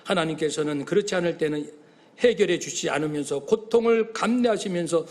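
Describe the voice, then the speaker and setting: A middle-aged man delivers a sermon from the pulpit. His voice sits high for a man. He preaches with feeling and acts out the voices of the people in his story. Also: brisk. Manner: animated preaching, acting out voices of God and congregants. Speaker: pastor.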